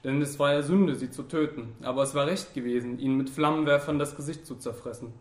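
A man narrating a novel in a grave, measured way. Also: mid-range voice, reverberant. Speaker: audiobook narrator. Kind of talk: scripted narration.

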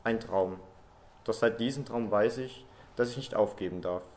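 A man reading a first-person story aloud in a quiet, slow, melancholy way. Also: fairly low pitch, slight background noise. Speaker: story reader.

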